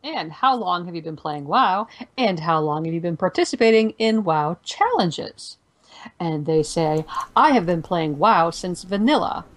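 A woman's voice: lowish voice, big pitch swings, a little slow. Woman, podcast co-host, casual chat, reading answers aloud.

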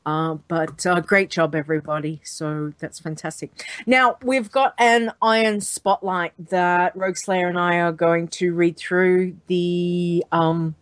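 A woman's voice: on the low side, steady tone, unhurried, no room sound. A woman co-hosting a casual gaming podcast, upbeat and chatty, reading listener answers aloud. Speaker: podcast co-host.

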